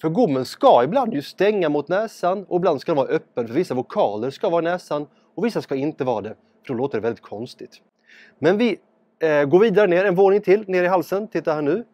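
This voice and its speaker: A man calmly explaining, step by step, while talking with a scope tube passed through his nose into his throat, in a clinic room. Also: on the high side, no room sound. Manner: calm, step-by-step explaining to viewers. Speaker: presenter demonstrating a laryngoscope. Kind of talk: explanatory demonstration.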